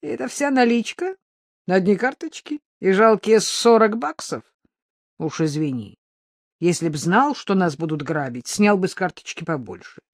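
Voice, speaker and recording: A woman voicing a menacing male street robber in an audiobook, speaking in a gravelly, mocking, threatening way. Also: medium pitch, lively intonation, moderate pace, no room sound, clean studio sound.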